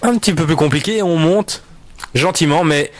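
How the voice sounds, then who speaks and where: A man's voice: fairly high pitch, normal speed, no room sound. A man hosting a casual radio show. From Belgium. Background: music.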